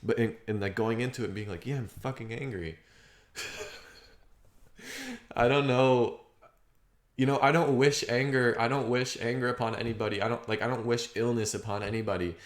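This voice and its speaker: A man talking through his feelings in a rambling, halting, reflective monologue, clearing his throat often and swearing casually. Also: medium pitch, steady tone, reverberant. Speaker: vlogger. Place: outdoors on a property.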